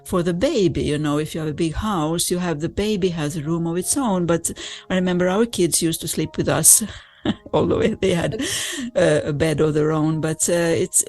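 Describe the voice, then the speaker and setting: Gentle middle-aged woman interviewer. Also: on the low side, soft background music. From Finland. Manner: gentle and halting, with soft laughs. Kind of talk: casual interview conversation.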